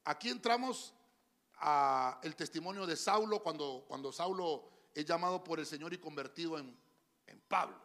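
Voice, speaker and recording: A Honduran man preaching a sermon as pastor of a church, animated, with call-and-response to his congregation. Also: on the high side, moderate pace.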